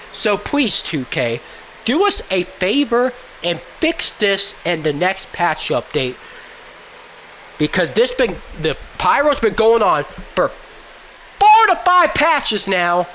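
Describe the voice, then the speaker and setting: A man's voice: high voice, fairly bright tone, slight background noise, poor audio. A man complaining at length about a buggy video game, exasperated and repeating himself as he pleads for fixes. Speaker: gaming YouTuber. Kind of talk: frustrated game rant.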